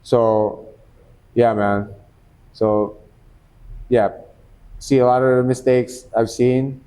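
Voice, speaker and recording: A man from the Philippines, a professional MMA fighter guesting on a podcast, chatting in a relaxed, slangy way and calling people "bro". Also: medium pitch, takes it slowly. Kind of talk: casual podcast chat.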